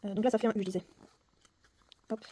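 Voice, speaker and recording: In a fast, steady, husky voice that is warm and mid-range, the board game vlogger talks through a puzzle game on camera. She keeps mocking herself, counting quietly and often trailing into whispered numbers.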